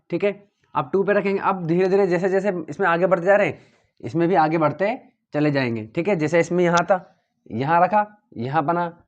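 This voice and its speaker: A man's voice: a little high, dull audio. A man teaching a physics lesson at a whiteboard, explaining step by step, asking and answering his own questions and checking in often with his students. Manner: repeats "theek hai" to check students follow.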